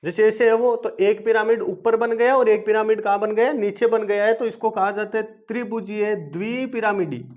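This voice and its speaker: A man's voice: high-pitched, fairly even intonation, moderate pace, hardly any pauses, darkish tone. A man teaching a chemistry lesson. He asks questions and then answers them himself, repeating points in a coaxing way. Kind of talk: classroom-style video lesson. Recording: dull lo-fi video lesson recording.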